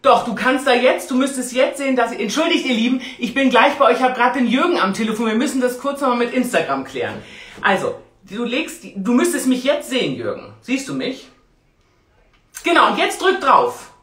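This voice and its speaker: A woman with a fairly high, bright voice that moves up and down a lot. She speaks casually and expressively, as the host of a chatty live stream. Her delivery is exclamatory and forward. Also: big pitch swings, fairly quick. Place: small tiled room indoors.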